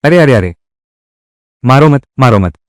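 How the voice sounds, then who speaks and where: A man's voice: medium pitch, animated, measured pace, dry recording, clean studio sound, natural voice. A man voicing heated, scolding family quarrels in dubbed drama dialogue. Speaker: voice actor dubbing a village family drama.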